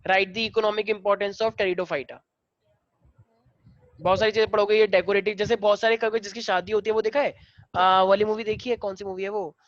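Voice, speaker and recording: A man's voice: sits high, fairly even intonation, moderate pace, no echo, lo-fi sound. A male biology teacher lecturing a classroom in a chatty way, often quizzing his students.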